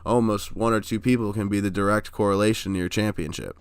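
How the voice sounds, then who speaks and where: A man's voice: on the low side, fairly even intonation, fast talker, smooth. A man co-hosting a sports podcast, giving opinionated football analysis in casual chat. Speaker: podcast co-host.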